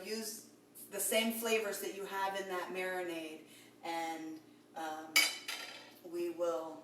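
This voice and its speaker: A woman's voice: mid-range voice, echoey room, recorded from a distance, slight background noise. A woman chef hosting a casual live cooking demo, chatty and upbeat with many fillers. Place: kitchen.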